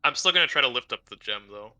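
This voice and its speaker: A man's voice: medium pitch, lively intonation, fast talker, bright, forceful tone. A man playing a tabletop game, eager and asking questions. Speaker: player. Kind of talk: casual tabletop play.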